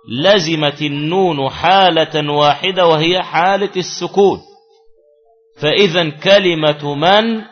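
A man's voice: on the high side, dull audio. A man teaching an Arabic grammar lesson, repeating key words and asking the class questions.

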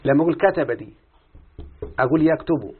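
Fast-talking Egyptian man, husky voice. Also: on the high side, animated. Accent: Egyptian Arabic. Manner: explains step by step, keeps checking with his teacher. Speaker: student reciting a grammar lesson. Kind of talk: Arabic morphology lesson, question and answer. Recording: tinny phone-like recording.

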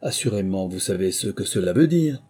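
A man's voice: deep voice, expressive, a little fast, dark tone, slightly rough. A man voicing a fussy, self-important male mouse who lectures the others pompously.

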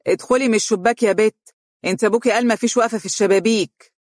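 A woman's voice: medium pitch, expressive, racing, a little mellow, no echo, studio quality, voice pushed up, close to an everyday voice. A woman reading a story, voicing a spiteful middle-aged stepmother who speaks with an Egyptian accent in a mocking, sarcastic way. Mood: sneering.

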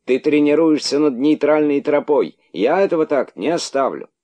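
A man voicing an indignant male rabbit who serves as a royal herald, shouting in outrage. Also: on the high side, animated, moderate pace, pitched above the performer's own voice, close to an everyday voice. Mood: outraged shouting.

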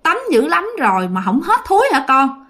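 A woman's voice: sits high, big pitch swings, moderate pace, a bit bright. Woman doing an older fortune teller, firm and coaxing. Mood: knowing. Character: older female fortune teller, stern yet pleading.

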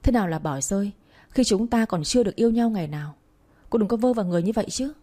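A woman's voice: medium pitch, lively intonation, racing, warm tone, natural voice. A woman reading the lines of a cold, arrogant young man in a spoken romance story, in a curt and dismissive manner.

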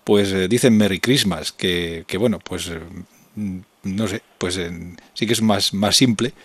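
Low-voiced, hesitant male radio host. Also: unhurried, a bit bright. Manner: hesitant, lots of fillers. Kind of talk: radio interview. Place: radio studio.

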